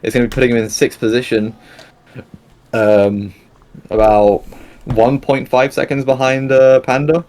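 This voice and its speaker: A man's voice: medium pitch, little pitch movement, unhurried, long pauses, darkish tone, slight background noise. A young man doing live sim racing commentary in a casual, rambling way, full of fillers and self-corrections. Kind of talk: live esports race commentary.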